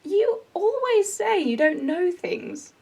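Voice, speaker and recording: Playful teenage girl played by a young woman; lively, slightly gravelly, teasing. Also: very high-pitched, slow pace, full character voice. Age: young adult. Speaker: student actor. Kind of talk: stage drama dialogue.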